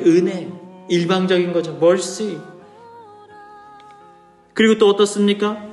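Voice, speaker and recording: High-voiced man preaching in an echoey church. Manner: asks the congregation rhetorical questions and voices the psalmist's pleas with feeling. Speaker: pastor. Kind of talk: sermon. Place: church hall. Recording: echoey church with soft music behind.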